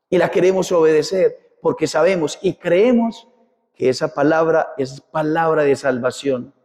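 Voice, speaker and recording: A man's voice: a little high, a little mellow. A man preaching a sermon as a parish priest, impassioned and repetitive, with rhetorical questions. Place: church. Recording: long church reverb.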